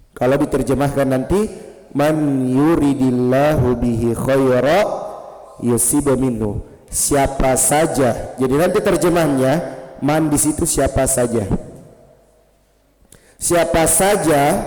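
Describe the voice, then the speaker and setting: A man with an Indonesian accent teaching grammar in a mosque, slow and patient, quizzing his students with questions. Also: mid-range voice, dark tone. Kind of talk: classroom lesson. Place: mosque hall. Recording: reverberant mosque hall.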